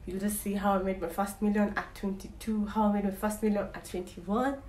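A woman in her 20s speaks briskly to camera at medium pitch, her voice slightly mellow with little pitch movement. She vlogs candidly and wryly, rambling and restarting a lot, in a small echoey room with faint background hiss.

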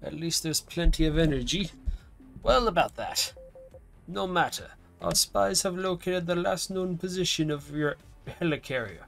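A man voicing a gruff male commander of a bear army, attempting a Russian accent without much success, a little higher and louder than his own voice. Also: moderate pace, faint music behind. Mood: scheming.

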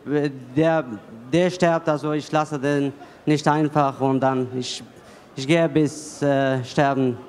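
Halting Afghan fighter with hesitant speech. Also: male voice, a little high, level tone, a little mellow. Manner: halting, many fillers and restarts. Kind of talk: broken-German interview answers. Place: indoor fight venue beside a cage. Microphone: handheld mic held by interviewer. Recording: long hall reverb.

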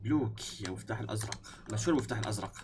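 A young man with a Levantine Arabic accent giving let's-play commentary, excitable and swinging between yelling and muttering to himself. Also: lowish voice, very fast, noisy background. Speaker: gaming YouTuber.

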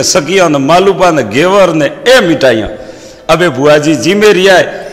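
A comedian with a Rajasthani accent tells folksy comic stories in a fairly high male voice. He quotes proverbs and voices his characters. A long hall reverb hangs on his words.

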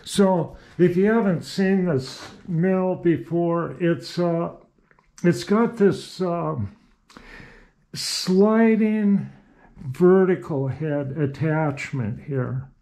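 A man's voice: fairly high pitch, extremely slow, mellow. An older man giving a casual, folksy demonstration in his small home machine shop, rambling with fillers and restarts as he works.

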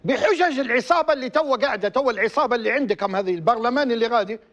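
A man's voice: very high voice, racing, a bit bright, dull audio. A man with a Libyan accent hosting a TV program, giving heated political commentary full of rhetorical questions. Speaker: TV program host.

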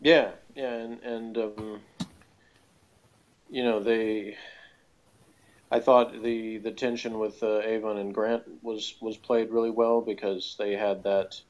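Speaking slowly in a fairly low, darkish voice with little pitch movement, this man rambles and hesitates as a guest on a casual review chat, saying "you know" often. He's on a video call, so the sound is lo-fi with faint background noise.

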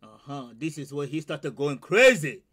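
A fairly high-voiced man in his thirties, hyped and often laughing as he reacts to a concert clip. He talks straight to his viewers through a headset mic in a small home studio. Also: expressive, normal speed, fairly bright tone. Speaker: reaction video host. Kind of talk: excited reaction commentary. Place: small home studio with purple lights, indoors.

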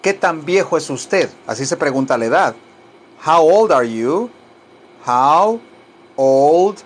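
A man teaching English in a casual lesson, drawing out model phrases slowly for students to repeat and breaking into playful asides. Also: on the high side, a little hiss or hum. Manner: playful asides, mock radio-DJ patter and sung snatches.

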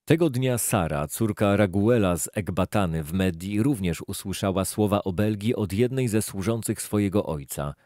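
A man reading scripture aloud in a slow, measured, solemn way. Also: on the low side, warm tone, dry recording, studio quality. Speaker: scripture reader.

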